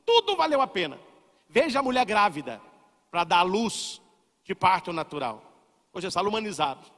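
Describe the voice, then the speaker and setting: A male priest delivers a dramatic sermon, acting out the voices of people he quotes. His voice sits high and leaps around constantly. A long reverb trails behind him, as in a large hall. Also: moderate pace. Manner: animated, dramatic preaching that acts out quoted voices.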